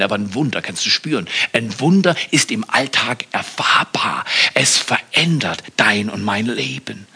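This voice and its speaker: A middle-aged man preaching a sermon, animated, asking the listeners questions and swinging between loud outbursts and hushed asides. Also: mid-range voice, slightly rough.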